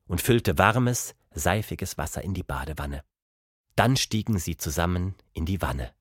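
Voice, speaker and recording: A man narrating a children's story with an expressive reading manner. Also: low voice, dry recording, studio quality.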